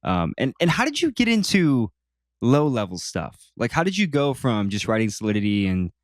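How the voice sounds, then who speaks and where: A man's voice: mid-range voice, wildly swooping pitch, moderate pace, no echo, clean studio sound. A man hosting a podcast, asking friendly, curious follow-up questions. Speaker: podcast host. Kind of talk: interview questioning.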